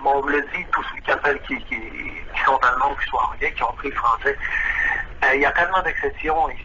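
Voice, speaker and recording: A man's voice: medium pitch, fast, highs cut off, heavy background noise. A man from Quebec with a Quebec French accent, talking hesitantly as a radio interview guest, with many fillers as he searches for words. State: nervous. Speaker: guest musician living abroad.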